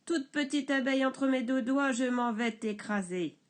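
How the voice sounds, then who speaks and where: A woman voicing a big blustering male woodcutter in a storybook reading, shouting in indignant outbursts. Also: high-pitched, normal speed, lightly acted. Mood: threatening.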